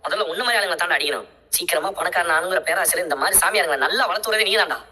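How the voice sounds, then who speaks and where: A rapid, husky voice of a rational grown son, as a woman reads the part, arguing firmly with his mother in a serial scene. The tone is lower and bright-edged, with a long echo behind it. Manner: reasoning, rapid and firm. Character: grown son, calm rational family man. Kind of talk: dramatic serial dialogue retelling.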